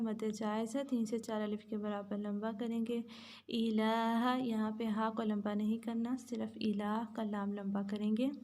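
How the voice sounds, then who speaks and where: A woman teaching tajweed, reciting each phrase slowly and repeating it, then explaining the rules more quickly and quietly. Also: on the high side.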